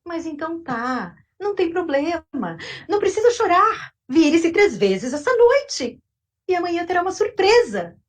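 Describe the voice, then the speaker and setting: A woman voicing a patient good fairy who calmly reassures an old woman in a told story. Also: very high-pitched, moderate pace, recorded from a distance, pitched above the performer's own voice. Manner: patient, soothing.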